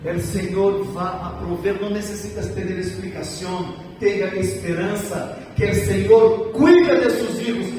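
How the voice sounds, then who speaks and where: A man preaching a sermon as a guest preacher, telling stories with strong feeling and moving between loud and soft passages. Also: high voice, slight background noise. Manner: emotional storytelling, swinging between loud and soft. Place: church hall. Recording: echoey church hall, mic from far off.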